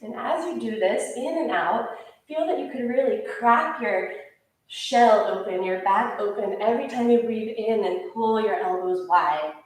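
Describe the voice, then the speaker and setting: Calm woman cueing yoga breaths. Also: medium pitch, unhurried. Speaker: yoga teacher. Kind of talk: guided yoga class instruction. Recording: echoey room, voice from far off.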